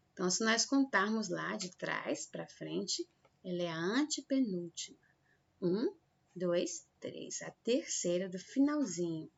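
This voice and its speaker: A Brazilian woman teacher talks slowly and patiently to young pupils, drawing out each example word. Her voice has a gravelly edge. The recording sounds dull and lo-fi. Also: mid-range voice. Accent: Brazilian Portuguese. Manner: slow, patient and encouraging, stretching out example words. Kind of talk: classroom lesson for children.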